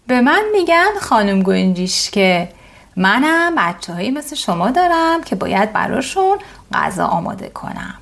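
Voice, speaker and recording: A woman voicing a friendly mother sparrow in a children's bedtime story, in a bright sing-song storybook voice. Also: on the high side, big pitch swings.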